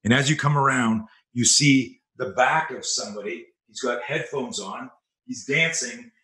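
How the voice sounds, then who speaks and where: A man's voice: mid-range voice, normal speed, bright, forceful tone. A man telling blunt, profane stories as a self-defense instructor on a podcast. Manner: blunt, profane, vivid storyteller. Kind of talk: storytelling in a podcast interview.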